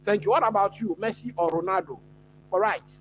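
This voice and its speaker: A man from Ghana hosting a live football watch-along, chatting casually and answering viewers with many pauses and fillers. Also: high voice, background noise. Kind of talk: live stream football chat.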